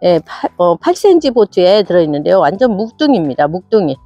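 A woman's voice: fairly low pitch, sing-song, a little fast, warm tone, no room sound. A cheerful woman from South Korea showing her succulents for sale, gasping and exclaiming at each plant. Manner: bubbly and cheerful, frequent gasps and exclamations. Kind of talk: casual product showcase. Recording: dull lo-fi sound with faint music.

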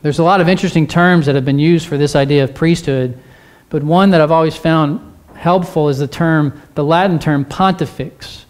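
A man's voice: fairly high pitch, fairly even intonation, normal speed. Earnest male pastor preaching. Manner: earnest, repetitive exhortation with rhetorical questions. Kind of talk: sermon. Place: church.

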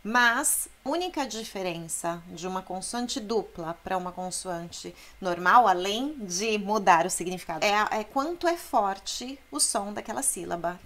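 A woman's voice: mid-range voice, a bit bright. A woman from Brazil teaching an Italian pronunciation lesson, explaining patiently and sounding out Italian words aloud. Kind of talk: language lesson.

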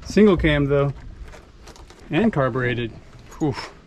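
Young Midwestern man, offhand running commentary, filmed on an action cam outdoors, clear background noise. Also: on the high side, expressive, slow. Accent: American Midwest. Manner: offhand, muttering car names to himself. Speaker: car vlogger. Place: outdoor junkyard, later inside a car. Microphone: handheld action camera.

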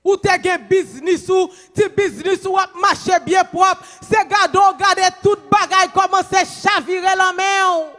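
A middle-aged Haitian woman preaching a sermon in a church, shouting with emphasis into a handheld mic. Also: very high voice, steady tone, unhurried, hardly any pauses. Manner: emphatic, shouting, switches between Creole and English. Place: church stage, indoors. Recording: long reverb in church hall.

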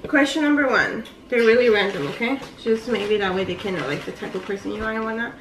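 A woman's voice: medium pitch, quick pace. A woman hosting a casual couple vlog, chatty and laughing often as she asks questions. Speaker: vlogger host. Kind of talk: casual chat. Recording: echoey room, voice a bit far off, faint ambient noise.

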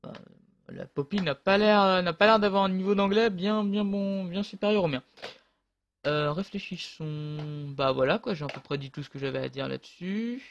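Man gamer, slightly high voice, rambling casual commentary with lots of fillers, close mic. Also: normal speed, creaky, dull audio, slight background noise. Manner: rambling, hesitant, many fillers and restarts. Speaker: gamer commentating his own match. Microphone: close desk mic.

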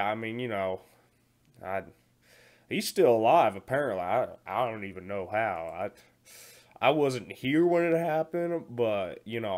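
A man playing a callous 40-year-old male night security guard who stammers, repeats himself and rambles in slangy talk during a comedy phone-call monologue. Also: on the low side. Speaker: comedy skit performer.

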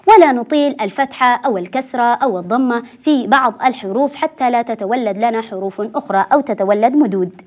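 A high-voiced woman teaches children Quran recitation in a TV studio. She speaks patiently, stretching words slowly and repeating each syllable so the children can copy her.

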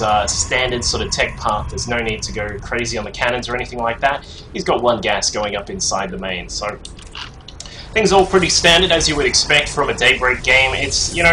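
This is a man commentating a strategy game by himself from his home setup. His voice is bright and mid-pitched, and his delivery is loose and chatty, full of "um"s and asides to viewers. A faint noise sits under the recording. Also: poor audio. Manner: casual, rambling, many fillers. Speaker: game caster. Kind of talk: solo esports commentary.

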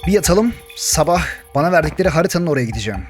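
A young man narrating and reacting to his Minecraft survival game, joking and yelling in panic when chased. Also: a little high, big pitch swings, racing, soft background music. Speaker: gaming YouTuber. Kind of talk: Minecraft let's play with story narration.

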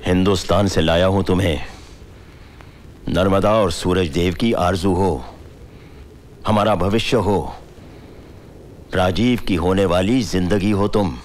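A deep-voiced stern father. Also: slow pace, long pauses, darkish tone, a little hiss or hum. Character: stern wealthy older father, commanding. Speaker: father-in-law figure, family patriarch. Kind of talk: film drama dialogue.

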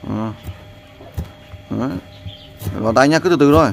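Guy vlogging outside, rambly, keeps repeating himself, bossing a buddy through cooking, middle pitch, faint hiss. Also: normal speed, creaky. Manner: rambling, repeats "there" often, coaching someone. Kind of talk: casual vlog narration and instructions.

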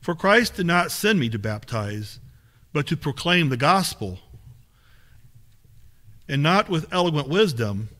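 This man, reading as a lay reader, has a fairly high pitch and reads scripture in a steady, measured manner. A distant camera captures him at a church service in a small sanctuary.

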